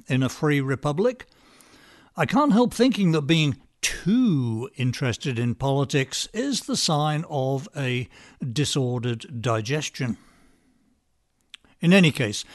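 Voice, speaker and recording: A man giving scripted political commentary with a dry, sardonic, measured delivery. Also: on the high side. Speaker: podcast commentator.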